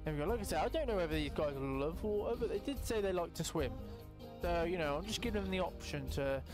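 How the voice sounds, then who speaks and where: A young man giving casual, excitable gameplay commentary, chatting and swearing freely to his viewers. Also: high-pitched, quick pace, music in the background. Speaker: gaming YouTuber.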